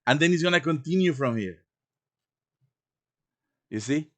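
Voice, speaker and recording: A man with a fairly high, slightly bright voice and lively intonation takes his time while hosting a casual live tutorial. Streaming over online voice chat, he teaches game quest design in a chatty way, often checking in with listeners.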